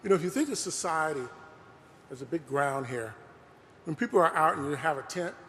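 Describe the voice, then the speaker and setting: A man with a slightly high, expressive voice speaks fairly quickly, his tone a bit bright against a faint hiss or hum. He's a lecturer giving an earnest, conversational public talk, often dropping in "you know." Long reverb fills the large museum hall around him.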